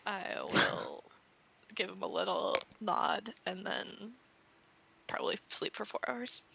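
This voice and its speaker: A woman playing a tabletop game, talking casually with hesitant pauses and ums. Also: medium pitch, wildly swooping pitch, creaky, bright, forceful tone, slight background noise, low-quality recording. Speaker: player. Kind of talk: casual tabletop play chat.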